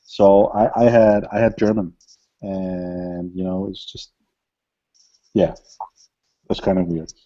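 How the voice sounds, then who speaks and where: In a lo-fi recording, a low-voiced man from Denmark speaks slowly with long pauses. He's an electronic music producer appearing as an interview guest, Danish by first language, and he rambles in a relaxed way, dropping many fillers and laughing often.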